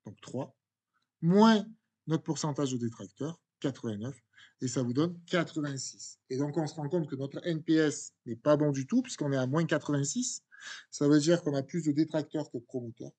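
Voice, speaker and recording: A man's voice: on the high side, normal speed, a little mellow. A man teaching, walking students through an exam correction in a conversational way, with fillers and restarts. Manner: conversational, repeats words, many fillers and restarts.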